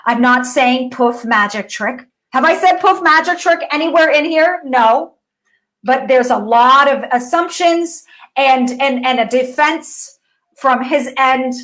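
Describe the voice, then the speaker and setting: A woman dance physical therapist teaching an online course lesson in a casual, animated way, talking straight to viewers and often restarting her sentences. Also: high-pitched, unhurried, poor audio. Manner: reads messages aloud.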